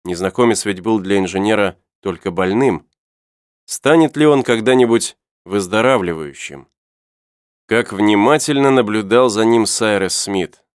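Low-voiced male audiobook narrator. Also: clear, resonant tone, no echo, studio quality.

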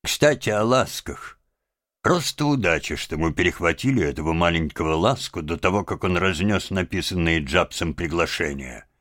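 A man voicing a kind but firm male water rat in an audiobook, reasoning gently with a friend. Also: deep voice, no room sound, studio quality, full character voice. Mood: confiding. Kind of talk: audiobook character voice.

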